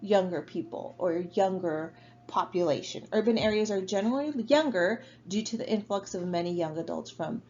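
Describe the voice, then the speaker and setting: A woman's voice: fairly low pitch, moderate pace, a little mellow, highs cut off. A woman teaching a college geography class in a recorded online lecture, talking casually with many fillers and tag questions. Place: home.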